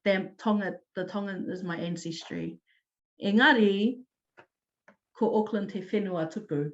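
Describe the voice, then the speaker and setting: A woman presenting an online teaching talk, explaining in an upbeat way with quick restarts. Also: mid-range voice, highs cut off.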